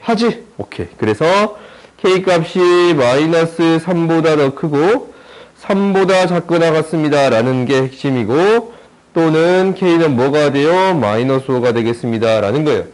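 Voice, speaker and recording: A man with a fairly high voice teaching a math class. He talks in a chatty, joking way and keeps checking in with his students through short questions as he works through the problem. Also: expressive, measured pace, darkish tone, low-quality recording. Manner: jokey, chatty, asks students lots of tag questions. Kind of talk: recorded math lesson.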